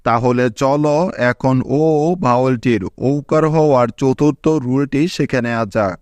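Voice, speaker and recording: A man teaching English pronunciation rules in a slow, methodical scripted lesson, reading out example words one by one. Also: mid-range voice, fairly even intonation, clean tone, dry recording.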